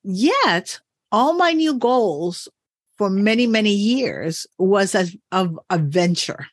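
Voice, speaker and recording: A woman's voice: mid-range voice, lively intonation, slow, dry recording, studio quality. A woman hosting a podcast as a coach, talking thoughtfully and encouragingly with frequent laughs. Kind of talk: reflective podcast conversation.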